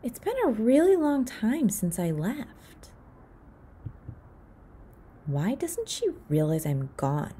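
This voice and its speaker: A woman reading a children's picture book aloud at storytime, expressive and playing out the sound effects. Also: mid-range voice, unhurried, hardly any pauses, slightly rough. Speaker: storytime reader.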